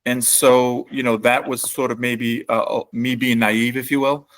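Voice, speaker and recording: A middle-aged man, speaking in an easygoing, unhurried way. He tells stories in a casual podcast interview and often stops to restart a thought. His pitch sits in an ordinary middle range. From New Orleans, Louisiana. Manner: relaxed storyteller, many fillers and restarts. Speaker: company CEO and guest.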